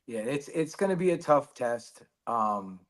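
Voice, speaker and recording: A man's voice: mid-range voice, lively intonation, measured pace. A man co-hosting a sports podcast, teasing the others and backing his picks with confident banter. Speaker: podcast co-host. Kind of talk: casual sports chat.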